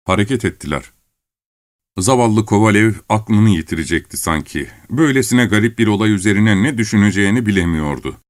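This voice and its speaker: A man reading a story aloud as narrator, in a measured, unhurried way with deliberate pauses. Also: on the low side, no room sound, clean studio sound. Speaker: audiobook narrator.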